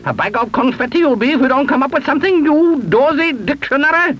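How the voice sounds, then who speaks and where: A man's voice: extremely high pitch, fast, a bit bright, a little hiss or hum, pitched above the performer's own voice. A man voicing a spiteful female witch who screeches and gloats while chanting rhyming spells. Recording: dull lo-fi recording with music.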